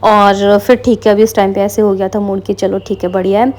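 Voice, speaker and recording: Mellow-voiced chatty young mother. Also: medium pitch, level tone, fairly quick. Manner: chatty, Hindi mixed with English words. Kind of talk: casual chat.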